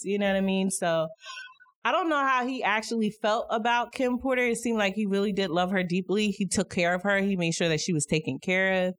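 A woman's voice: medium pitch, no room sound, studio quality. A woman in her thirties co-hosting a podcast, chatting casually and candidly, rambling and laughing often. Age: 30s. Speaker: podcast co-host. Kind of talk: casual chat.

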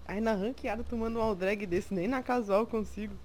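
A young adult with a Brazilian Portuguese accent chatting casually in slang, telling stories in an animated way and acting out quotes. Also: mid-range voice, a little fast. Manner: animated storyteller, acts out quotes.

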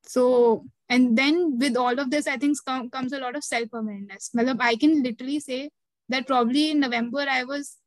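A woman's voice: high-pitched, fairly even intonation, a little fast, no room sound, low-quality recording. A young adult woman with an Indian accent, reflecting casually in short, thinking-aloud phrases with some Hindi mixed into her English.

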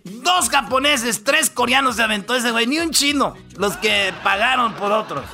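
A man's voice: very high voice, lively intonation, moderate pace, gravelly, over music. A man with a Mexican accent hosting a comedy radio show, telling stories in a rowdy, slangy, joking way. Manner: rowdy, joking, slangy storytelling with put-on voices.

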